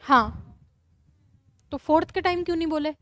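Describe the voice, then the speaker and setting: A woman teacher with a Rajasthani Hindi accent, giving a classroom lecture in a brisk, scolding way and urging students to write fast. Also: high voice, a bit bright, no room sound.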